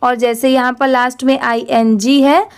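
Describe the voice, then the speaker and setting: High, smooth-voiced Indian woman teaching reading. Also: little pitch movement, a little slow. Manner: spells words letter by letter, asks and answers her own questions. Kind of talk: slow spelled-out reading lesson.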